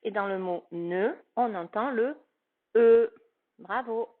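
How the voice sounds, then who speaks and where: Slow, patient woman teacher on a tinny line. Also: medium pitch. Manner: slow, carefully articulated, patient, addressing a child. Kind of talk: phonics lesson for a young child. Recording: tinny phone-like sound.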